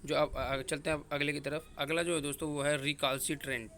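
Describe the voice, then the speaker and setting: A man's voice: fairly high pitch, little pitch movement, a little fast, bright, forceful tone. Man drilling vocabulary with repeated questions. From India. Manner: repetitive, drilling words and asking himself questions. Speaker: exam-prep vocabulary teacher. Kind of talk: casual Hindi vocabulary lesson with memory tricks.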